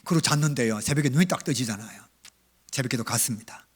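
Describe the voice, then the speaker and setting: A middle-aged male pastor preaching a revival sermon, telling his own story with big swings between loud and hushed. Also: medium pitch, fast talker, breathy edge. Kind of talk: revival sermon with personal testimony. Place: church sanctuary.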